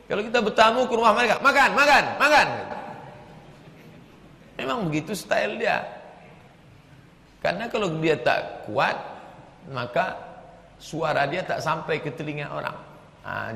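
A man preaching a sermon, animated and rising to loud, emphatic answers. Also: mid-range voice, creaky, reverberant, big-room sound.

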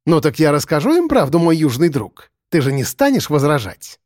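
A man's voice: a little high, huge pitch swings, moderate pace, darkish tone, no echo, studio quality, voice pushed up. A man reading an audiobook, voicing a young woman who shrieks her accusations in hatred. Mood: furious. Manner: screeching, accusing.

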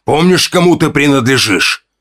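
Give me a man playing a furious injured young tribesman who yells at a high pitch. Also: expressive, moderate pace. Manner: shouting, shrill.

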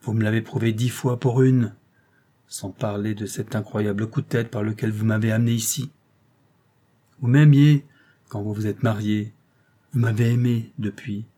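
A man's voice: lowish voice, steady tone, moderate pace, mellow, lightly acted. A man voicing a proud, feverish young actress who talks in a curt, imperious, pressing way. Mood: urgent, proud.

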